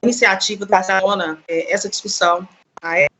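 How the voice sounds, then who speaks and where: A woman's voice: mid-range voice, fairly even intonation, a little fast, a bit bright. A woman moderating an online round table, her call audio stuttering and breaking up as her connection lags. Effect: choppy, breaking-up call audio. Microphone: video call. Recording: dull lo-fi video call audio.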